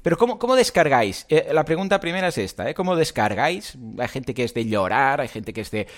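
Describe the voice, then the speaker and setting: A man hosting a live podcast chat, with a very lively pitch that swoops up and down. He talks in an animated way and breaks into loud, playful outbursts. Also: fairly quick. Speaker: podcast host.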